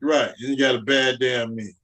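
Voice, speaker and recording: A middle-aged man trading blunt basketball opinions in an easygoing tone, cursing freely. His pitch is ordinary and his delivery relaxed and conversational. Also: moderate pace, a little hiss or hum, rough recording. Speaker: co-host. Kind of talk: casual sports talk.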